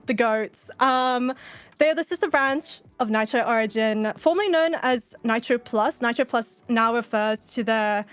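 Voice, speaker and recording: At an indoor virtual convention, an Australian woman hosts a casual fan panel, now and then letting a swear word slip. She has a smooth, slightly high voice.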